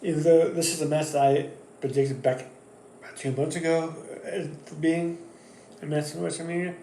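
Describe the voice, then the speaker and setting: A man talks through his wrestling picks in a casual, rambling monologue, stopping and restarting his sentences often. His voice is mellow and dark. The recording has a roomy echo with a faint background hum. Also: a little high, flat delivery, moderate pace, creaky. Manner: rambling, with many fillers and restarts. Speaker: wrestling channel host. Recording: echoey room.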